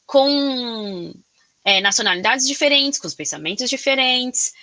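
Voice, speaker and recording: A Brazilian woman with a Brazilian Portuguese accent, chatting casually in an interview. She talks loudly and expressively and tells her stories in an animated way. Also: on the high side, unhurried, no room sound. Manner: loud, expressive, animated storytelling. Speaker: corporate sales professional.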